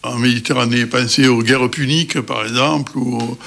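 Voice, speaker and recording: A middle-aged man from the Cévennes in France, a guest expert explaining with lively emphasis in an interview. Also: mid-range voice, normal speed, gravelly.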